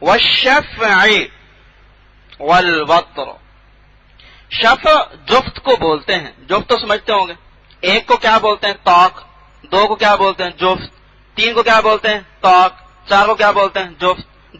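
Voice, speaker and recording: A man teaching a classroom lesson on Quran translation, quizzing his students and repeating each word slowly. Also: high-pitched, sharp tone, highs cut off, slight background noise. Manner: drills students with questions and repeats words slowly. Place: classroom without a board.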